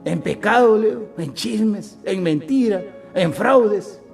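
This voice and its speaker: High-voiced pastor, soft music behind. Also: male voice, animated, creaky. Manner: addresses listeners by name, asks many questions; slows down and drops to a soft voice for emphasis. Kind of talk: sermon.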